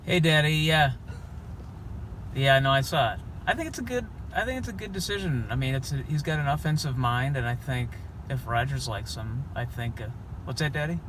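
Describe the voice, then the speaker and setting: A man's voice: mid-range voice, expressive, a little fast, fairly bright tone, slight background noise, lightly acted. Man doing a son rambling on the phone. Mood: chatty. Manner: casual, rambling small talk. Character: grown man chatting on phone with parents. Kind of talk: self-recorded comic phone call.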